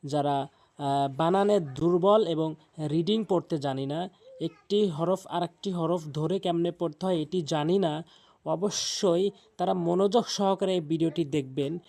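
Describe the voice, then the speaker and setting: A man teaching Quran reading, patiently spelling out each letter with its vowel, then chanting the verse slowly and drawn out. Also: fairly high pitch, creaky, warm tone. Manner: patient, repetitive instruction with frequent pauses. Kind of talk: spelling-out recitation lesson.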